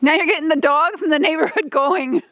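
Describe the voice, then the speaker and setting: A woman's voice: high-pitched, brisk, no echo, dull audio. A woman filming her horse outdoors by a fence, chatting to him fondly and laughing often, on a handheld camera. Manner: laughing often, cooing affectionately. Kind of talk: casual chat to a horse.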